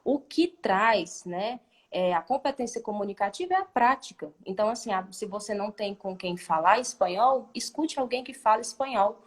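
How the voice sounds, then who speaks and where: A woman's voice: mid-range voice, lively intonation, moderate pace. A woman Spanish teacher explaining in a live online class, patient and talkative, who often ends sentences with a questioning "né?" and thinks aloud with restarts.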